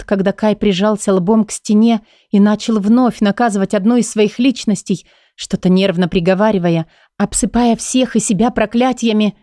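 A woman's voice: medium pitch, mellow, no echo. A woman reading a first-person romance audiobook in an intimate, emotional way, close to the mic. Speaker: audiobook narrator.

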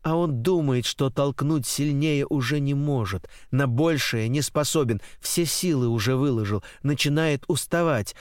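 A man narrating a literary novel as an audiobook in a steady, rhythmic, repetitive cadence. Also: mid-range voice, measured pace, hardly any pauses, no room sound, clean studio sound. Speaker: audiobook reader.

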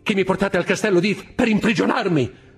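Man voicing a frantic young male prisoner, cries out high, husky edge, faint music behind. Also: brisk, exaggerated voice. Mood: desperate. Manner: cries out in rising alarm.

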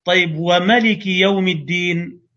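A man's voice: high voice, measured pace, bright, forceful tone. A man with an Egyptian Arabic accent giving an online lecture as a Quran recitation teacher, arguing his points through imagined exchanges and rhetorical questions. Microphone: video call microphone. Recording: dull lo-fi online audio.

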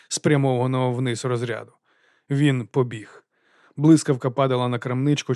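A man reading an audiobook in a steady, measured narration. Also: mid-range voice, no room sound, studio quality. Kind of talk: scripted narration.

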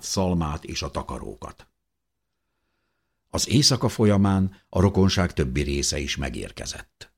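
A man reading a first-person story aloud in a calm, measured way. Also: extremely low pitch. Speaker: audiobook narrator. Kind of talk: scripted first-person narration.

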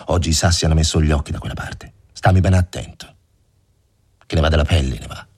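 A man with a very deep voice voicing a stern infantry lieutenant who gives firm, urgent orders. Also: fast, a little mellow, husky, dry recording. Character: stern male infantry lieutenant, protective of his men.

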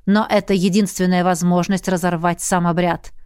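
A woman doing a low, teasing king. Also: level tone, normal speed, smooth, dry recording, studio quality, natural voice. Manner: low, hushed and teasing, then barking orders. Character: commanding middle-aged male king, teasing and bossy.

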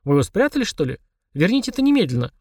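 Harried scolding mother, raised and lively, dry close sound, as a male reader puts her on. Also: high voice, rapid-fire, dry recording, pitched above the performer's own voice, full character voice. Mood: exasperated. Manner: scolding, exasperated. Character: harried, sharp-tongued mother of twins.

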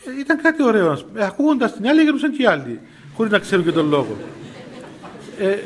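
A man's voice: high-pitched, sing-song. A middle-aged man, a priest giving an informal sermon full of stories, chuckling often and restarting his phrases. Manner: storytelling, chuckling often, many fillers and restarts. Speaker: priest giving a spiritual talk.

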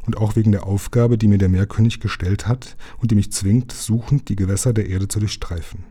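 A man voicing an ancient, gentle male sea creature with a melodious, solemn way of speaking while reading a storybook aloud. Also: lowish voice, fairly even intonation, a little fast, slightly rough.

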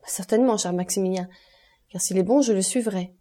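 Her voice is mid-range and warm, fairly close to how she'd talk every day, and she moves briskly. In this audiobook reading she plays a dutiful young noblewoman in anguish, pleading in distress.

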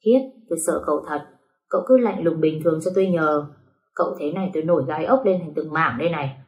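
A woman playing a scornful sharp-tongued young wife. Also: deep voice, quick pace, natural voice. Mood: flustered. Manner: scornful, cutting.

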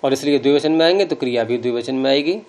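A man's voice: medium pitch, quick pace, a little mellow. A man with a Hindi accent teaching Sanskrit grammar to a class, patiently explaining and repeating word forms aloud.

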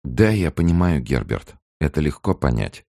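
A man's voice: rumbling low, very animated, normal speed, vocal fry, a little mellow, no echo, studio quality, pitched above the performer's own voice, heavily acted. A man reading an audiobook and voicing a young woman student who answers in brief, subdued replies. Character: young woman student, quiet, wounded, dignified.

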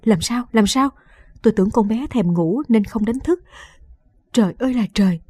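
A woman voicing an impatient, gruff elderly grandfather who scolds and exclaims. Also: mid-range voice, brisk, mellow, natural voice. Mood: alarmed. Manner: scolding, exasperated.

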